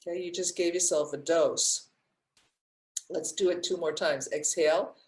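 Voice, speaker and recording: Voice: medium pitch, fairly even intonation, normal speed, a little mellow, echoey room, poor audio. A breathwork teacher explaining science casually with many restarts, then guiding a class through breathing exercises.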